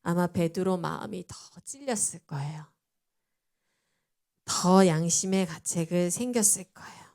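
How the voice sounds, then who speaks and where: A woman missionary giving a camp sermon, animated and acting out voices in dialogue, often asking the audience questions. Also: fairly low pitch, measured pace, gravelly. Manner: addresses the audience directly with questions. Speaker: missionary preacher.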